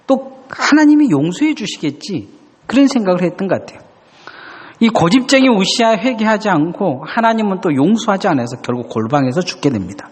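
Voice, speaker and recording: Husky-voiced preacher in a reverberant hall. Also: male voice, high voice. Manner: dramatic, voices God's and prophets' questions. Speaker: pastor. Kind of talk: sermon. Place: church sanctuary.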